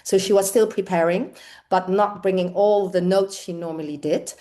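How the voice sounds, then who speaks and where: A woman's voice: medium pitch, fairly even intonation, moderate pace, warm tone. A middle-aged woman from the Netherlands, an executive coach, answering interview questions in a thoughtful way with frequent fillers.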